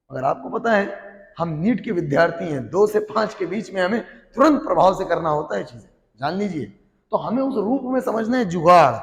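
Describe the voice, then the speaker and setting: Guy teaching physics in a roomy hall, highish voice, keeps asking and answering himself. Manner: playful call-and-response, voicing students' questions himself. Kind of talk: classroom lecture.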